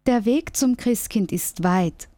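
A woman voicing a cheerful, eager little squirrel in a children's radio story, lively and coaxing. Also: fairly high pitch, slow pace, no room sound.

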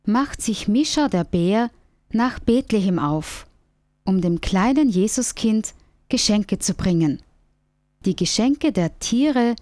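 Slow, mellow woman narrating. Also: mid-range voice, no room sound, studio quality. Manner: calm, gentle storytelling. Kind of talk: scripted narration of a children's story.

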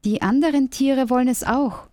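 A woman voicing a cheerful, eager little squirrel in a children's radio story, lively and coaxing. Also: sits high, moderate pace, no echo, clean studio sound, pitched above the performer's own voice, lightly acted.

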